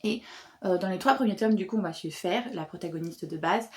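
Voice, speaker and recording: Young woman, casual book haul chat, chatty, lots of fillers, animated asides. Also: fairly low pitch, a little fast, a little hiss or hum. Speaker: booktuber and bookseller.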